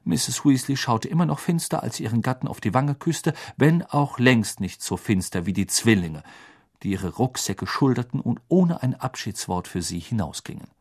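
A man narrating a storybook audiobook in an animated, expressive way. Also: moderate pace, husky. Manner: animated, varies pitch for characters.

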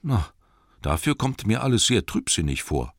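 A man's voice: sing-song, moderate pace, no room sound, studio quality. A man voicing a small, weary male hobbit, nervous but plucky, in a shaky, raised voice. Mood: wry. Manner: shaky, higher put-on voice.

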